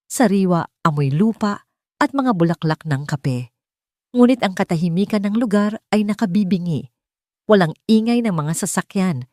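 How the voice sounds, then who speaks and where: Reading as the narrator of a scripted, dramatic tale, a Filipino-accented woman speaks with a lowish, somewhat dark voice. It's studio quality, with no room sound at all.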